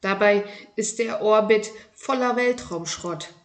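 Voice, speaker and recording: A woman's voice: mid-range voice, unhurried, lightly acted. Earnest young boy astronaut from a children's story, a woman reading him.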